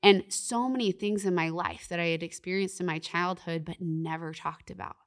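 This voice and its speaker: A young woman appears as a guest on a faith-based podcast, reflecting earnestly on her faith and frequently saying "like" and "you know." Her voice is lowish with fairly even intonation and a moderate pace.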